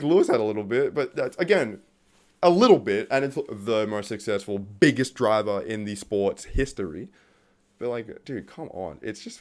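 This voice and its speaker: A man ranting off the cuff in a profane, exasperated way, laughing at times and reading from his notes as he talks. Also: on the low side. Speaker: vlogger. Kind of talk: unscripted rant about a TV series.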